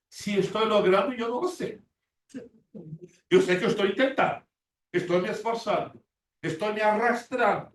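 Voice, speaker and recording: A man in his sixties teaching a Bible class in sermon style, emphatic and repetitive, acting out quoted prayers. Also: high voice. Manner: emphatic, repeats words, acts out quoted prayers. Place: church classroom. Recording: echoey room from far off with faint hiss.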